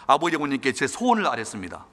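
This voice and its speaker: Earnest pastor preaching in a reverberant hall. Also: male voice, mid-range voice, wildly swooping pitch, very fast, pushed and bright. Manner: earnest, emotional storytelling. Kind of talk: sermon with personal testimony. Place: church hall. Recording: long church-hall reverb.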